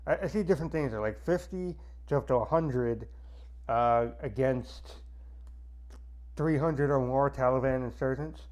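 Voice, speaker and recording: A man giving a casual movie review with a pen held in his mouth, his speech impeded and halting, stuttering and repeating words. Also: medium pitch, a little mellow. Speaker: movie reviewer, army soldier.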